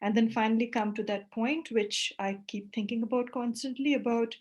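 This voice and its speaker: A woman's voice: fairly high pitch, steady tone, moderate pace, a little mellow, dull audio. Woman from India giving a workshop talk. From West Bengal, India. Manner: thoughtful, with fillers and self-corrections. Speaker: workshop presenter. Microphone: video call.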